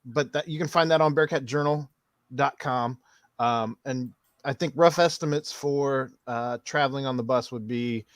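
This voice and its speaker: A man's voice: medium pitch, no echo, studio quality. Man hosting a casual sports podcast. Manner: conversational, leads the topics. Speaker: podcast host.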